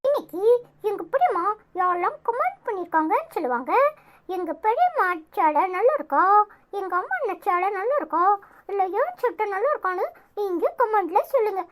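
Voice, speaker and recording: A woman's voice: extremely high pitch, very animated, fairly quick. A woman voicing a cheerful small child in a cartoon who chats to the viewers, with a Tirunelveli Tamil accent. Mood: chirpy. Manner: chirpy, addressing viewers.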